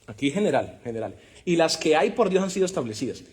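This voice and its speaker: A man with a fairly high, slightly mellow voice talks quickly with big pitch swings. As a preacher teaching a Bible class, he delivers an emphatic sermon-style lesson to the congregation, full of rhetorical questions and amens.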